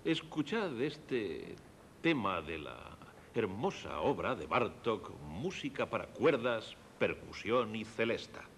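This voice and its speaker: Slow, sing-song, and a bit bright, this man's heavily acted delivery dubs a children's concert lecture on music. He has a Castilian Spanish accent and speaks directly to young listeners like a teacher. Faint rumble and long reverb come from the echoey hall.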